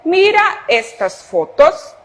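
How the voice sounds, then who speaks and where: High-voiced Brazilian woman teaching a class. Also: sing-song, takes it slowly. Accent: Brazilian Portuguese. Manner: checks in often with "tá?" and "ok?"; gives cues to a producer off-camera. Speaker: Spanish teacher. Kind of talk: televised classroom explanation.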